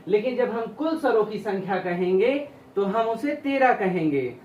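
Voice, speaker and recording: A man's voice: high voice, expressive, normal speed, darkish tone, distant mic. A man teaching, holding vowels out long to demonstrate and asking questions he answers himself. He sits well back from the microphone in a roomy, echoing space. The sound is dull, with a faint hiss underneath. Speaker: Hindi teacher. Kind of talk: classroom lecture.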